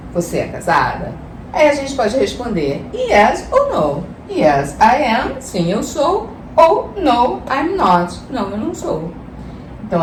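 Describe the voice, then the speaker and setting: A woman teaching a lesson with a lively, up-and-down voice, patiently repeating examples and checking in with her listeners. She sounds a little distant from the mic in an echoey room, with faint ambience underneath. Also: a little high, a little hiss or hum. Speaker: English teacher. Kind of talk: language lesson.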